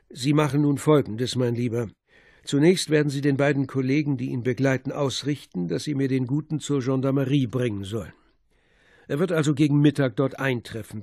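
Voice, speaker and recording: A commanding middle-aged commissioner, as an audiobook reader puts him on, giving orders in a brisk, assured way. The voice is gravelly with a husky edge. It sits close and dry, with no room around it. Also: male voice, medium pitch, a little mellow, no echo. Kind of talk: audiobook character voice.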